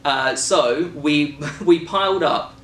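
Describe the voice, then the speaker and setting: A man's voice: a little high, slow pace, fairly bright tone. A British man chatting casually and jokily about a film shoot, rambling with lots of fillers. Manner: rambling, jokey, many fillers. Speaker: filmmaker and co-host. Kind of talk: casual chat. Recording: echoey room from a distance with faint noise.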